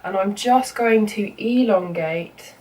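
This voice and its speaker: Stuffed up from a cold, a young woman talks slowly through her makeup tutorial as a vlogger, sprinkling in plenty of ums and you-knows. The mic sits a little far away and catches faint room noise, and her voice is mid-range.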